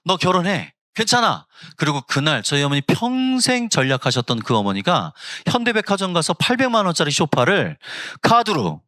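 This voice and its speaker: A man's voice: on the high side, huge pitch swings, moderate pace, few pauses, fairly bright tone, dry recording, studio quality. A pastor in his fifties, from South Jeolla, preaching a sermon at a Friday prayer service in a church, telling family stories with humor. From South Jeolla, Korea. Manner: humorous, acts out family quotes. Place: church sanctuary.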